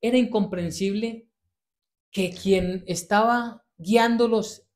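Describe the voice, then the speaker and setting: Guy preaching a bible sermon, earnest, slow emphatic bits, pleading prayers over and over. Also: high-pitched, steady tone, darkish tone. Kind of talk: sermon expounding a Bible passage.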